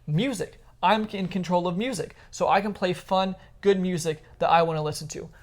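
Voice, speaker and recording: A woman with a fairly low, slightly mellow voice speaks at a normal speed. She co-hosts a podcast, chatting casually and offering her opinions with emphatic teasing.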